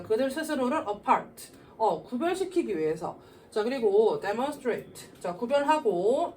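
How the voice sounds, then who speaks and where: A woman teaching an English reading lesson to middle school students. She poses questions and answers them herself, with frequent verbal fillers. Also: fairly high pitch. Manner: animated, asks and answers her own questions, keeps saying "자". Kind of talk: classroom lecture explaining a reading passage. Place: classroom. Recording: distant mic with faint noise.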